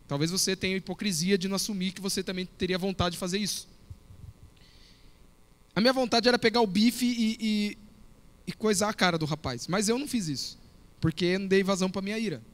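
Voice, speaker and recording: A man's voice: sits high, a little fast. A man, a youth pastor, giving a conversational sermon and telling a personal story straight to his young audience.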